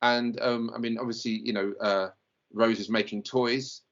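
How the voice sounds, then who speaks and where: A man's voice: medium pitch, steady tone, normal speed, a bit bright. Rambling man, muffled recording. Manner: rambling, hesitant, many fillers. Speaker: podcast co-host. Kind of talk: casual review chat.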